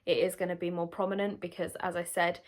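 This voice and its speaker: A woman's voice: lowish voice, flat delivery, fast talker. A young British woman vlogger talking casually to camera in a candid, explanatory, conversational way. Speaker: vlogger answering pregnancy questions.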